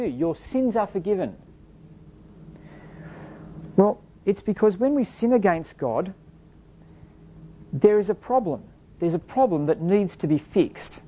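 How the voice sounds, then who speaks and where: A woman's voice: lowish voice, dark tone, slightly rough. A woman preaching a sermon in an earnest, explanatory way, asking rhetorical questions and reading scripture aloud. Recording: dull lo-fi recording.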